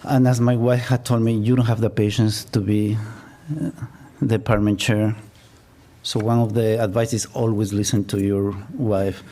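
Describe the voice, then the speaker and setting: Speaking in a lowish, dark voice with level intonation and no rush, a middle-aged man lectures publicly as a business professor. He is from Ecuador, Spanish is his first language, and his accent is Ecuadorian. He makes fun of himself and chuckles at his own humor.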